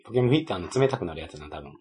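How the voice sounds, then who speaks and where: A young man with a Kansai accent, co-hosting a casual podcast and trading quick, playful banter. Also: low-pitched, big pitch swings, darkish tone. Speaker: podcast co-host. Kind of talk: casual chat.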